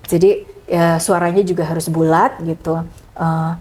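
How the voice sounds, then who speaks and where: A woman's voice: medium pitch, moderate pace, darkish tone. A woman, a guest in a casual interview chatting with many fillers and sharing hosting tips. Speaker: guest, MC and broadcaster.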